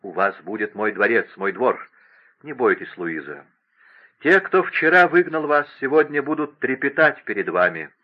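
An imperious young king , voiced by a male reader, pours out vehement, impassioned speech in an audiobook. His mid-pitched voice rises with emotion. The recording is a little muffled and lo-fi. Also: big pitch swings, moderate pace.

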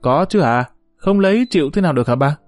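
A man's voice: fairly high pitch, lively intonation, quick pace, dry recording, soft background music, natural voice. A man voicing a bold, outspoken young village woman in a story reading, blunt and cheeky. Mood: teasing. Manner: blunt, cheeky, talking loudly.

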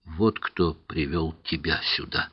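A man with a deep voice plays a calm young woman who knows more than she says. She speaks quietly, gently and with a touch of sorrow. The audiobook recording sounds a little muffled. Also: slow, slightly rough, heavily acted. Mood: hushed, earnest. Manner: soft, hushed delivery.

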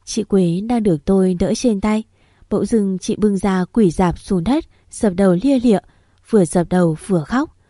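A woman narrating a first-person story in a steady, even way. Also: medium pitch, normal speed, no echo, studio quality.

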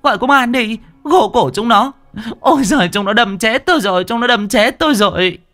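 Brief: shrill wailing young woman, put on by a male storyteller, treacherous receptionist in an audio story. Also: expressive, fairly quick, bright, forceful tone, faint music behind, exaggerated voice. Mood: shrieking. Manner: wailing falsetto accusations.

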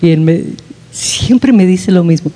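A woman's voice: on the low side, measured pace, mellow. Woman preaching in a reverberant hall. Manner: candid and self-mocking, checks in with listeners. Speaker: speaker at a women's church gathering. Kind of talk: informal sermon talk.

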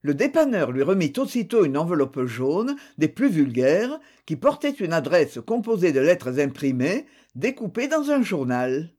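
Slow, expressive audiobook narrator. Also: mid-range voice. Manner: measured, expressive storytelling. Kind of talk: literary narration.

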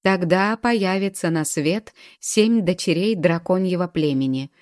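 A woman voicing a haughty golden male dragon who speaks with condescending, drawn-out words, in a low, mellow voice. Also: no echo, studio quality, lightly acted. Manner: condescending, drawling.

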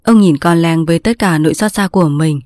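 Low-voiced woman narrating a story. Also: no echo, clean studio sound. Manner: steady, measured storytelling.

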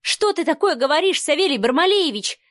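A woman's voice: high-pitched, expressive, a little fast, no room sound, voice pushed up. A woman doing a fiery young woman. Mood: indignant. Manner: indignant, shouting. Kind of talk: audiobook character voice.

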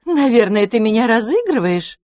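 A woman voicing a huge grey mother cat in a storybook, speaking in a drawn-out, insinuating way. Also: a little high, big pitch swings, darkish tone, no room sound, studio quality, pitched above the performer's own voice. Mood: sly.

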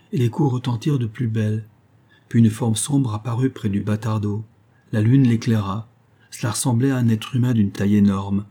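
A man's voice: mid-range voice, mellow, husky, close to an everyday voice. A man voicing a sturdy, resolute male miner telling a grave tale in a muffled voice.

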